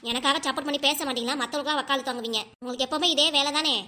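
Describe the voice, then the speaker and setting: A woman voicing a crying grandmother over sixty in a cartoon, scolding her husband rapidly, with a southern Tamil Nadu dialect. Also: high voice, steady tone, bright, forceful tone. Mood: tearful scolding. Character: upset old grandmother, wife over sixty. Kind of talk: cartoon voice acting.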